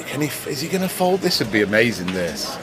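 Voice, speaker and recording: A man's voice: medium pitch, sing-song, fast. A man giving live poker commentary with casual banter, a busy crowd audible behind him. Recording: crowd noise, busy public tournament room. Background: crowd murmur.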